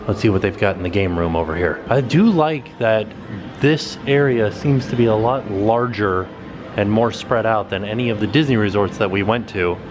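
A man's voice: on the low side, normal speed, noisy background. Casual man narrating a walking hotel tour. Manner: casual, upbeat pointing-out of sights. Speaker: vlog host. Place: hotel halls and outdoor pool areas. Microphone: handheld camera at arm's length.

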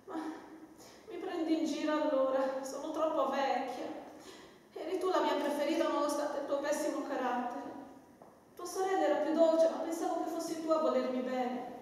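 An actress playing a fussy, doting old nurse who nags and scolds, in a theatre rehearsal. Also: female voice, high voice, normal speed, a little mellow, slight background noise, natural voice. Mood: lamenting. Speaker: amateur stage actor. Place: large church hall. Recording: echoey church hall from far off.

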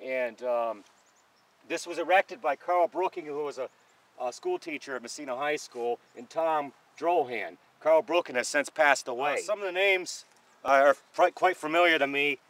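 A man's voice: fairly high pitch, moderate pace, a bit bright, poor audio. Rambling man touring a playground outdoors. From northern New York, US. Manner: rambling, chatty, with many fillers. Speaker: vlogger giving a playground tour. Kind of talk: casual walking tour commentary. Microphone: camera held by a cameraman.

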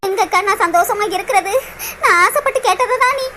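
A woman's voice: very high voice, moderate pace, noisy background. A woman voicing a lovesick young woman in a cartoon, tearful and pining, in a southern Tamil Nadu accent. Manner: sobbing, plaintive. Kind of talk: cartoon voice acting.

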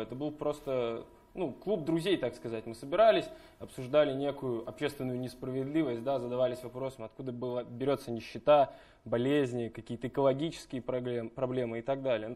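Young man explaining, mid-pitched. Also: a little mellow. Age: young adult. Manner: explanatory, with frequent filler phrases. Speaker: member of a student study circle. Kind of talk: casual answers in a panel discussion.

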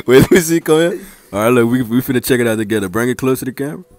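In a dry recording, a teenage boy talks rapid-fire in an animated, mid-range male voice as he vlogs en route to class through the school's halls and grounds. It's loose, slangy, casual chat and joking interviews, punctuated by lots of laughing.

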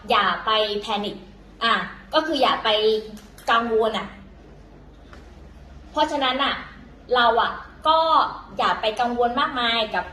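A woman's voice: fairly high pitch, animated, unhurried, long pauses, sharp tone, echoey room, a little hiss or hum, poor audio. A woman teaching in a casual, chatty way, full of fillers and self-corrections, talking to viewers as younger siblings. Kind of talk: casual vlog-style lesson.

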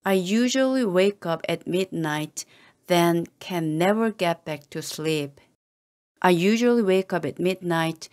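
Reading model sentences for learners, an English teacher with a lowish voice speaks in a calm, even, careful manner. She goes slowly and deliberately, repeating each phrase identically.

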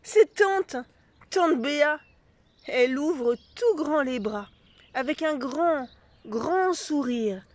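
A woman reads a picture book aloud to children, slow and expressive. Her voice sits high and unhurried, lingering over the repeated lines. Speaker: storyteller.

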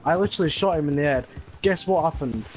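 A man's voice: a little high, fast talker, low-quality recording. A young man streaming a game, ranting and swearing angrily at the other players. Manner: angry ranting and swearing at opponents. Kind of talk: live gameplay commentary.

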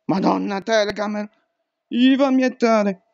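A man's voice: high voice, unhurried, gravelly, dry recording, highs cut off. A young man commentating a horror game, panicking and swearing at every scare. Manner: panicky, swearing and shouting at jumpscares. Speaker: gaming youtuber.

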